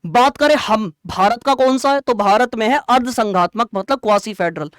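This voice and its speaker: A male teacher giving an online exam-prep lecture, explaining terms plainly and quizzing students with quick rhetorical questions. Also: extremely high pitch, fairly bright tone, no room sound, studio quality.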